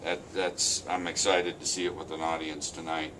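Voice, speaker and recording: A man who works as an actor and stunt coordinator, speaking as a guest in a casual interview with calm, dry humor. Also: extremely low pitch, normal speed, a little hiss or hum. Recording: slightly distant from mic.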